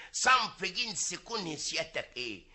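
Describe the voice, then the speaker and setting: A man's voice: high voice, big pitch swings, sharp tone, full character voice. A man with an Egyptian accent playing a boastful, jealous village man in a comic radio play, bantering and blustering. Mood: cocky bluster. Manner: bantering, jokey, quick to bluster. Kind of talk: vintage radio comedy acting.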